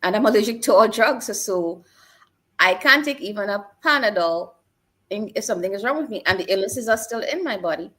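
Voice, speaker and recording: She speaks fairly quickly with lively intonation, a medium pitch and a somewhat bright tone. The speaker, a middle-aged guest from Trinidad and Tobago, tells her own story in a reflective interview, sincere and personal, with repeated phrasing.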